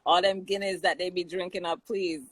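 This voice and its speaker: A woman's voice: fairly low pitch, flat delivery, a little fast, dry recording, low-quality recording. Jamaican woman co-host, easy banter, frequent laughs, dead-dry sound. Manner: chatty, laughs often, many restarts. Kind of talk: casual chat.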